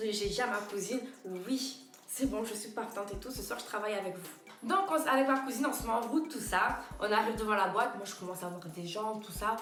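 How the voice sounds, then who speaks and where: Young female vlogger, fairly high voice, lively slangy storyteller, roomy echo. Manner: chatty, animated, slangy, swings into loud indignant quotes. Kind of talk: casual storytime to camera.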